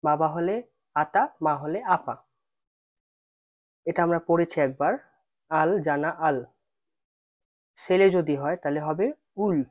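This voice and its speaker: Man, language lesson, very slow and patient, syllable by syllable, dry dull lo-fi sound. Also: on the high side, no echo. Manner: patient, repeats and spells out words syllable by syllable. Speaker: language teacher.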